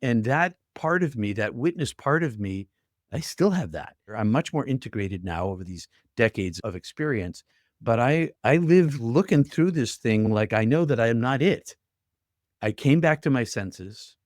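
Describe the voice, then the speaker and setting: A man's voice: medium pitch, expressive, moderate pace, no echo, clean studio sound. An older man telling his own story in an interview, earnest and vivid, acting out the voices he heard. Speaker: guest telling his near-death story.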